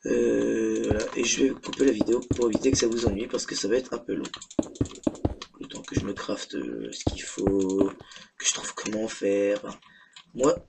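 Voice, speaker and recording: A young man with a lowish, creaky voice hosts an unscripted gaming video. He talks casually and hesitantly, rambling and trailing off mid-phrase. His headset recording is noisy, with keyboard typing and clicking audible behind him. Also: animated, normal speed. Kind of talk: casual unscripted let's play commentary. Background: keyboard typing noise and clicks.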